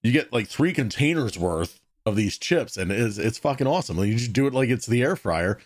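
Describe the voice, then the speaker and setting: A man's voice: mid-range voice, lively intonation, a little fast. A man hosting a casual podcast chat, talking in a laid-back, rambling way and swearing now and then. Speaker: podcast host.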